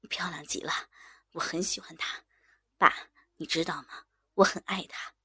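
A woman putting on a hushed young son. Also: lowish voice, fairly even intonation, normal speed, slightly rough, whispered, voice pushed down, full character voice. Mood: tender. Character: young adult son, calm and affectionate.

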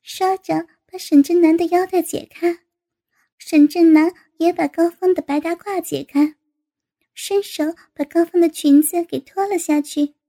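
A woman reading a story aloud in a steady storytelling manner. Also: very high-pitched, measured pace. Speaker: narrator. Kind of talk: read-aloud story narration.

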